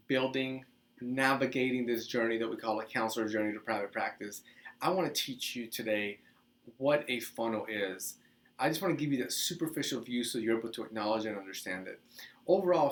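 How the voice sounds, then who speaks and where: In a small indoor office with a couch, a Dominican host gives a casual teaching monologue to his webcam. His voice is mid-range, and he's chatty and animated, gesturing a lot and often restarting his sentences.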